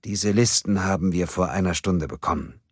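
A man voicing a reluctant male colleague who speaks hesitantly and quietly in an audiobook. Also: low-pitched, moderate pace, husky, no echo, clean studio sound.

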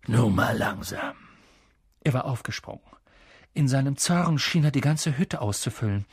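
Audiobook narrator, expressive, very husky, lively pitch. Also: dry recording, clean studio sound. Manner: expressive, unhurried storytelling.

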